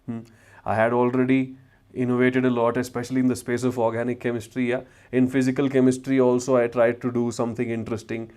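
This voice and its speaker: A man's voice: mid-range voice, completely flat delivery, quick pace, darkish tone. A man with a north Indian accent chatting informally as he hosts a livestream and answers viewers, slipping between English and Hindi slang. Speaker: travel vlogger and former chemistry teacher hosting a livestream. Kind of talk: casual livestream chat answering viewers' questions. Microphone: wireless mic.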